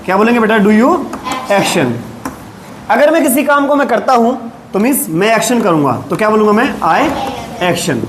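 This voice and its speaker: High-voiced male teacher in echoey classroom. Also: animated. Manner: drills sentences slowly, asks students questions. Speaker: English teacher. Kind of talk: classroom lesson. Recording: echoey classroom with faint room noise.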